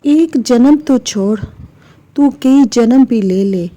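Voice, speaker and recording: A woman voicing an elderly mother who speaks softly and patiently, then lectures her son firmly in a storybook tale. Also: a little high, slow. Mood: scolding. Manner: soft and patient, turning to firm lecturing. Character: patient older mother, calm then scolding.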